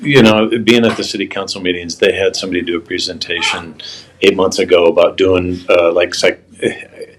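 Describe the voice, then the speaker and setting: A man's voice: low voice, fairly even intonation, brisk, slight background noise, poor audio. A board member, a man, talking hesitantly and at rambling length in a meeting. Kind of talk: casual meeting talk.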